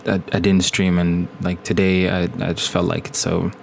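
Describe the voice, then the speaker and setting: A man's voice: low-pitched, completely flat delivery, moderate pace, vocal fry, slight background noise. A young man from Ethiopia chatting casually on a live stream, rambling with many fillers and restarts.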